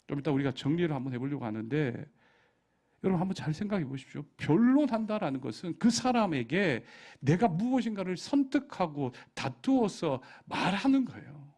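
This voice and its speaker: A male pastor preaching a sermon with passion, moving from quiet asides to loud, pleading cries. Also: a little high, big pitch swings, brisk.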